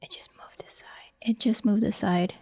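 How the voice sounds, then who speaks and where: In a mid-range, steady voice that is gravelly, dark, husky and whispered, a woman voice actor thinks aloud at a moderate pace. She mutters short fragments to herself during a casual screen-recorded walkthrough of audio editing.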